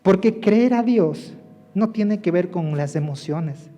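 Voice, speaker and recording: Male pastor, high voice, emphatic sermon over faint music, loud then soft. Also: animated, slow, muffled recording. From Ecuador. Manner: emphatic preaching, swinging between loud calls and soft asides.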